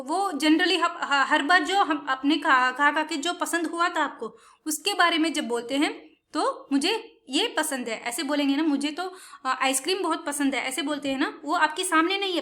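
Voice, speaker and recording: A woman's voice: sits high, pushed and bright. A woman explaining a spoken language lesson patiently, often stopping to check in with the listener. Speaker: Tamil language teacher.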